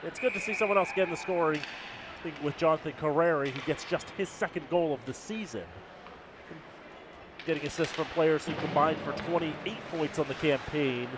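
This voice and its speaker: Higher-pitched male hockey analyst, noisy rink. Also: normal speed. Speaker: color commentator. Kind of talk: live sports analysis. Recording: noisy ice rink broadcast. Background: loud rink ambience.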